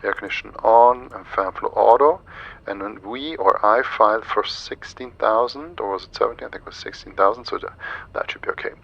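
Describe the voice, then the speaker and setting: A low-voiced man with a bright, forceful edge talks through a cockpit procedure step by step, thinking aloud as he goes. His delivery is gravelly and mixes live commentary with pilot radio calls, recorded in dull lo-fi headset sound. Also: brisk. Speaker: streamer flying a flight simulator.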